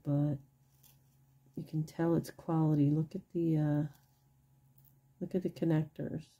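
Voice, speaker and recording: A middle-aged woman with a deep, husky, croaky voice full of vocal fry chats informally as she shows off items indoors at home over a wooden table. She murmurs, repeats herself, and keeps her tired late-night voice down while others sleep.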